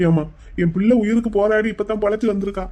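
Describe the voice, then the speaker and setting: A worried middle-aged father in a cartoon, as a man voices him. He sounds fairly high-pitched and rushed, pleading anxiously for his daughter. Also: warm tone, lightly acted.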